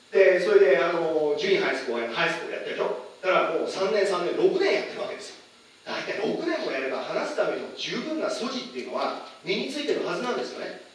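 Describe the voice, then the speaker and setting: Animated man lecturing in an echoey room. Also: high voice. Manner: animated, asks the audience questions, many fillers. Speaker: English teacher giving a lecture. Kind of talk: lively lecture to an audience. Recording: echoey room, far from the mic, faint noise.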